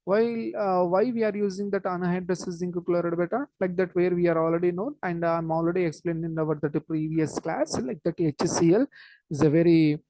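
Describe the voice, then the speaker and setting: A woman with an Indian accent teaching an online lesson in a halting, repetitive way, dropping in Hindi interjections. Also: fairly low pitch, steady tone, dark tone, no echo, rough recording. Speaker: chemistry teacher.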